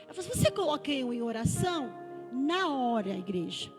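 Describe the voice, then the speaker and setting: A woman's voice: high-pitched, sing-song, a little fast, over music. A woman pastor preaching a testimony, telling the story with acted-out dialogue and building to fervent exhortation. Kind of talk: testimony sermon.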